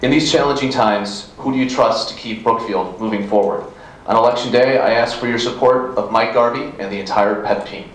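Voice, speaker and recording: A man's voice: medium pitch, steady tone, a little fast. Male candidate speaking in a very echoey hall. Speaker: village board candidate. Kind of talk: prepared closing statement at a public forum. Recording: very echoey hall, faint noise.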